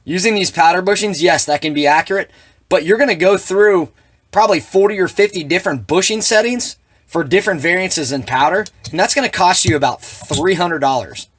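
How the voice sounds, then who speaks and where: A man with a slightly higher voice, working through a hands-on demonstration of his equipment. He talks plainly and throws in dry, sarcastic asides. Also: a little fast, fairly bright tone. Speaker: shotgun reloading demonstrator.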